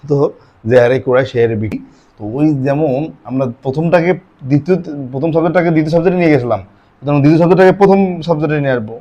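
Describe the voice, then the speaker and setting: A man's voice: fairly high pitch, racing, mellow, lo-fi sound. Man teaching grammar, quizzing himself. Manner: asks questions and answers them himself. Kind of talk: classroom lesson with asides and a told anecdote.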